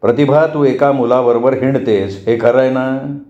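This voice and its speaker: Guy doing a strict dad grilling his daughter, slow, holds his temper, mellow voice. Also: medium pitch, steady tone, natural voice. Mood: pressing. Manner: slow, controlled, probing questions. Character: stern but restrained middle-aged father. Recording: roomy, dull lo-fi recording.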